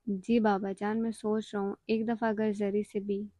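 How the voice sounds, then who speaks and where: A woman's voice: mid-range voice, little pitch movement, dark tone, no room sound, natural voice. A woman voicing a distracted, obedient young son who answers hastily and hesitantly. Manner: hasty, hesitant.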